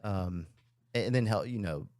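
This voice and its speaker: A man, a filmmaker guest chatting casually in an interview, halting with many fillers. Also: fairly low pitch, darkish tone, dry recording, studio quality.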